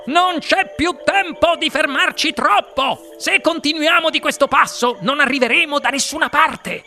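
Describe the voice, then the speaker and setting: A man voicing an eccentric, excitable chocolate maker who speaks in emphatic exclamations. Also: very high-pitched, normal speed, faint music behind, voice pushed up, full character voice. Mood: hurried.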